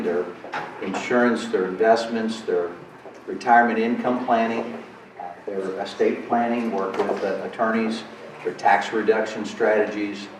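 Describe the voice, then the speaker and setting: Lower-voiced man in an echoey room. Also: a little mellow. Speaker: financial planner panelist. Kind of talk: casual self-introduction. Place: meeting room with an audience. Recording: echoey room from far off, noticeable noise.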